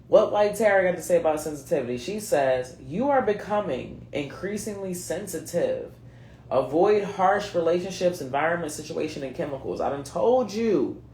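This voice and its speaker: Giving a chatty, slangy card reading straight to her viewers, this late-thirties woman has a mixed US East Coast accent drawn from New England, Philadelphia, North Carolina and Delaware. Her voice is fairly low and a little mellow. The sound is roomy, with a bit of hiss or hum.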